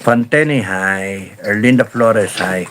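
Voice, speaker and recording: A man hosting a casual live stream, reading viewer comments and telling stories in a rambling, animated way with many fillers. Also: lowish voice, slow, slight background noise. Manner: rambling, animated storytelling with laughs and repeated fillers.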